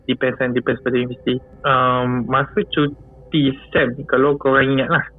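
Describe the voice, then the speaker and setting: A man's voice: medium pitch, flat delivery, moderate pace. Seorang lelaki berloghat Malaysia yang bercerita santai tentang pengalaman seram, banyak mengulang kata dan sering tergelak kecil. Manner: chatty, repeats phrases, chuckles often. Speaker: guest storyteller. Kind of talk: casual storytelling about a scary experience. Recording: tinny phone-like sound.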